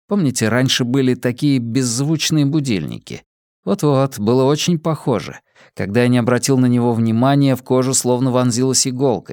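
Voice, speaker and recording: A man narrating an audiobook in a steady, measured reading voice. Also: medium pitch, no echo, clean studio sound.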